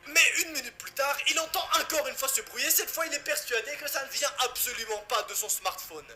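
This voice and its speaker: A man's voice: very high voice, brisk. A man from France telling a horror story casually, cracking jokes and swearing in asides to the viewer. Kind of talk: casual creepypasta narration. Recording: music playing behind.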